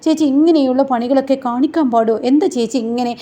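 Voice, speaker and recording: Woman doing indignant young sister, pleading, fast and somewhat high. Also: mellow, lightly acted.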